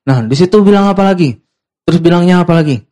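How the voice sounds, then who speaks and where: A young male preacher with a notably high-pitched voice delivers a casual, slangy youth sermon. He teases his listeners playfully and acts out the lines he quotes. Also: expressive, quick pace, warm tone. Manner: playful, teasing the congregation and acting out quoted lines.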